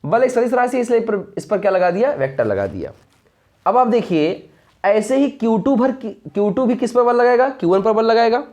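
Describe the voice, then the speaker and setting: A man's voice: extremely high pitch, very animated, brisk, a little mellow. A man teaching a lesson, who poses rhetorical questions and answers them, repeats key points and keeps checking that students follow. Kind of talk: explaining a physics lesson.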